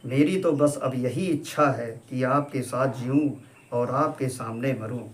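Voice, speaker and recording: A man voicing a sharp-tongued but loving middle-aged wife who scolds and teases, in a storybook reading. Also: medium pitch, lightly acted. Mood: fond. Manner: scolding, teasing, brisk.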